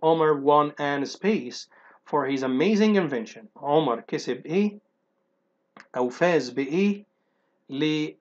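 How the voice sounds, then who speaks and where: Egyptian male English teacher going through exam answers. Slightly raised pitch, dull lo-fi recording. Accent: Egyptian Arabic. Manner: reads English sentences slowly, then explains them briskly. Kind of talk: exam-prep lesson explaining answers.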